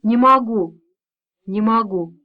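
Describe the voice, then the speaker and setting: A woman's voice: medium pitch, takes it slowly, dull audio. A woman voicing a boy who is secretly a sinister carnival owner, panicked and desperate.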